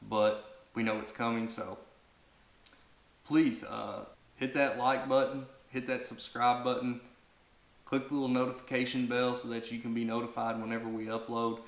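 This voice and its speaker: A man's voice: medium pitch, little pitch movement, normal speed, echoey room. A man in his thirties hosting a family vlog, talking casually to camera and rambling with lots of fillers and restarts. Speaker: vlog host.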